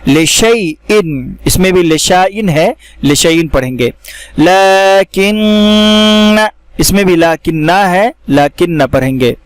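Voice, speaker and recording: A man teaching how to read the Quran, explaining each word and then reciting it slowly with drawn-out vowels. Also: a little high, dry recording. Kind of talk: step-by-step recitation lesson.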